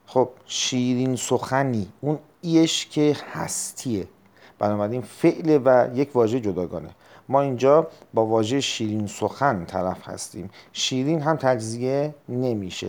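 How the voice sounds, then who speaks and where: A man's voice: mid-range voice, darkish tone. Man explaining grammar step by step. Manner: explains step by step, repeats key terms; frequent throat clearing and hesitations. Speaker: teacher. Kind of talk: recorded test-prep lesson.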